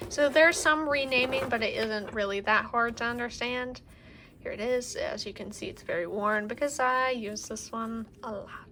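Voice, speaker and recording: A woman with a high-leaning, pushed, bright voice speaks at normal speed while displaying tarot cards to camera. Strong wind fills the background as she gushes and rambles, saying "like" often.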